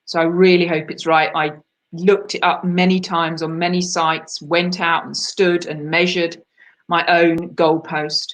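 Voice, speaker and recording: A woman's voice: on the low side, flat delivery, a little slow. A woman hosting an online quiz over a video call, reading out the answers in a chatty, self-deprecating way and laughing at herself. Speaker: quiz host.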